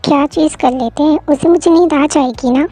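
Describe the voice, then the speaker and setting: A woman's voice: high voice, normal speed, warm tone, faint music behind, natural voice. A woman voicing a playful, clingy young newlywed wife who pleads and teases in a fan audio drama. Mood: whiny teasing. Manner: whiny, pleading, teasing.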